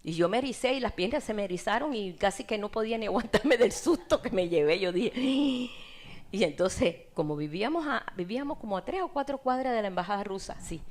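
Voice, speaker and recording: Middle-aged Cuban woman preacher, expressive testimony delivery with rising emotional peaks. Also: medium pitch, fast, few pauses. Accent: Cuban Spanish. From Cuba. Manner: animated storytelling, laughs often, voice rises in emotional peaks. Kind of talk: sermon testimony.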